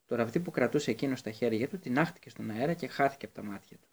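A man narrating an audiobook in a steady reading voice, with occasional slips and restarts. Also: mid-range voice, slightly rough.

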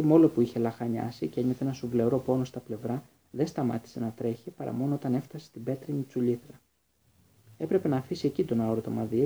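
A man reading a story aloud in a steady, even voice. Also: mid-range voice, gravelly, husky. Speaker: audiobook reader. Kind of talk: storybook narration.

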